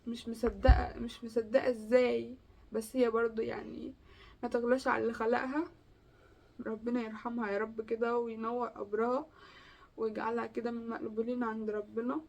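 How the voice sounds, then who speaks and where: A young woman with an Egyptian Arabic accent, telling a personal story in a vlog, halting and tearful with many restarts. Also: a little high, little pitch movement, vocal fry, a little mellow, recorded from a distance. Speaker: vlogger.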